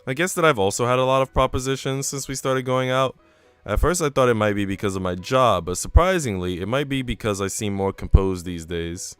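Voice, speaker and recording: A man streaming a visual novel reads it aloud in a medium-pitched, slightly bright voice that's clear and resonant, moving fairly quickly. Soft music plays in the background, and he tosses chatty asides to viewers between passages.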